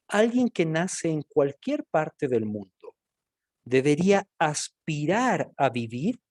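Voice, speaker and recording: Measured Ecuadorian male physician lecturing. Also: fairly high pitch, darkish tone, no room sound, clean studio sound. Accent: Ecuadorian Spanish. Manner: measured, explanatory, addresses listeners directly. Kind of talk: recorded medical lecture.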